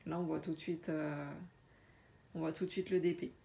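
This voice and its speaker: A woman chatting casually through a craft unboxing, hesitant with many filler pauses. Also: deep voice, little pitch movement, vocal fry, warm tone. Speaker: diamond painting vlogger.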